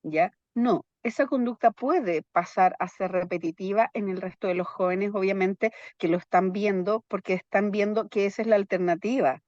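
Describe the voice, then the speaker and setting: A woman's voice: mid-range voice, normal speed, hardly any pauses, a little mellow, no echo, muffled recording. A woman psychologist explaining in an interview, constantly checking in with her listener through little tag questions. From Chile. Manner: keeps checking in with "¿ya?" tags.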